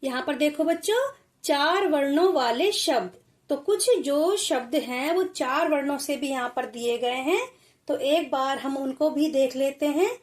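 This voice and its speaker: A woman teacher giving a reading lesson for children, sounding out words slowly and repeating each one. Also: sits high, animated. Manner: addresses children as beta.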